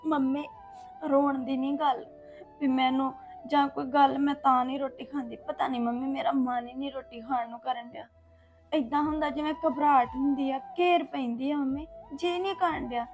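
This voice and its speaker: A woman's voice: extremely high pitch, steady tone, a little slow, soft background music. A young woman playing a heartbroken married daughter, pleading and sobbing through her words. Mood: weary. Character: heartbroken young wife, worn down and despairing. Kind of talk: family drama acting.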